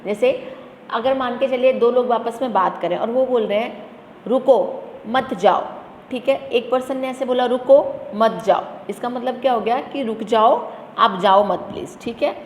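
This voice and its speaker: A woman teacher explaining a lesson to students, asking questions and answering them herself, and reading English definitions slowly. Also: fairly high pitch. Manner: addresses students as "beta". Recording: echoey room with faint background noise.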